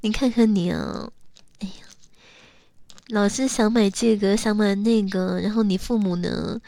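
A young woman acting a teasing, coaxing young woman who calls herself big sister, in an intimate role-play audio spoken close to the mic with soft whispers. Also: mid-range voice, measured pace, gravelly, dry recording.

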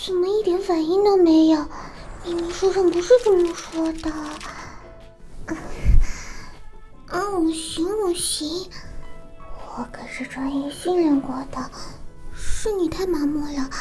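A woman voicing a clumsy, flustered succubus who acts tough in a halting, breathy ASMR role-play. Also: very high voice, fairly even intonation, warm tone, faint music behind. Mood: boastful, frustrated. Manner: breathy, halting, tsundere bluster.

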